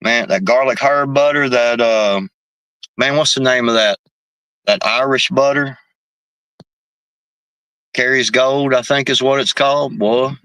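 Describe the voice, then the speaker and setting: A man hosts a casual live stream and answers the chat in a loose, profane way, dropping "man" and "bro" constantly. His voice is bright and forward, at an average pitch. The recording is dry, with no room echo. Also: measured pace, long pauses, smooth. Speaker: livestream host reading chat.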